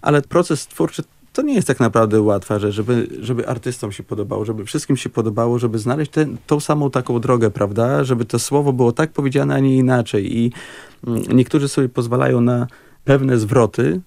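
A male composer speaking in a relaxed interview, pausing often with fillers as he thinks aloud. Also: mid-range voice, creaky, no echo. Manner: thoughtful, halting with many fillers. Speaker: composer and musician. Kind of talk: casual interview talk.

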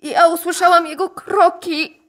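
A woman's voice: very high-pitched, little pitch movement, fairly bright tone. A woman playing a frightened young daughter Kasia. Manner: halting, shaky confession. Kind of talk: radio drama acting.

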